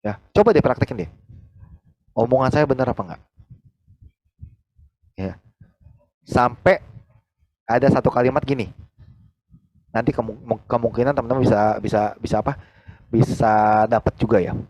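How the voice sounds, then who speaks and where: A man, leading a team training over a video call, animated and acting out quoted conversations. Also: moderate pace, pauses often, dry recording, highs cut off. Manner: animated, acts out quoted dialogue with big pitch jumps.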